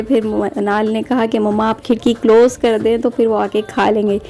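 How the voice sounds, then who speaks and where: A woman in her thirties narrating her family vlog in a calm, even voice-over. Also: fairly high pitch, gravelly. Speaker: family vlogger and mother. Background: soft background music.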